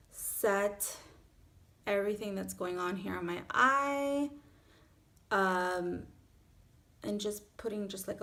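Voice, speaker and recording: A woman's voice: medium pitch, a bit bright. A woman in her thirties with a Miami accent, chatting casually and informally through a makeup tutorial. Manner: chatty, informal, self-accepting. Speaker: beauty vlogger. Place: small furnished room at home, indoors.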